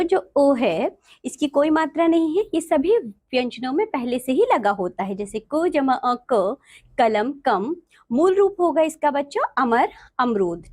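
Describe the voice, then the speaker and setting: A woman teaching a grammar lesson to children, slowly spelling out letters and speaking to them directly. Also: sits high. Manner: slow, deliberate spelling-out of letters.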